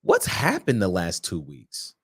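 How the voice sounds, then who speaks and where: A man hosting a sports fan show talks loosely about an upcoming game, leaning on slang, repeats and restarts while sleepy and yawning. His low-pitched voice swoops wildly, moves a little slow and has a breathy edge.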